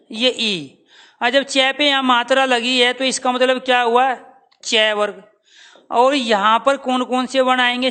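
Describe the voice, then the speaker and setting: A man's voice: extremely high pitch, sharp tone, clean tone. A man teaching a lesson to students, calling them dear children and drilling the sounds by repeating them. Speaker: Hindi teacher. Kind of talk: classroom lecture.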